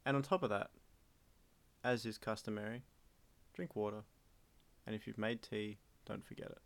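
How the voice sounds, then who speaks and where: Dry-witted young man with a gravelly voice. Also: on the low side, steady tone, moderate pace. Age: early 20s. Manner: dry, teasing banter. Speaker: podcast co-host. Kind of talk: casual chat.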